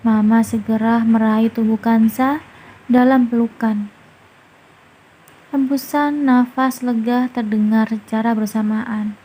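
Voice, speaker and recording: A woman narrating a romance novel aloud in a calm, measured storytelling manner. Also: a little high, poor audio. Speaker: audiobook narrator.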